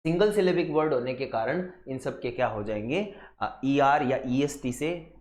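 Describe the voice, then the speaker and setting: A man's voice: medium pitch, lively intonation, moderate pace, darkish tone, roomy sound. A man from India, an English teacher, explaining grammar for exam preparation step by step, asking rhetorical questions and mixing English terms into his talk. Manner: mixes Hindi with English terms. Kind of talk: exam-prep grammar lesson.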